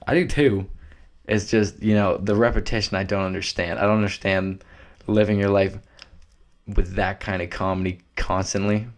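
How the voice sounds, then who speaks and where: A young man with a lowish voice talks on his own podcast. He rambles, swears freely and keeps it offhand and loose. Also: fairly even intonation, moderate pace. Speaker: podcast host.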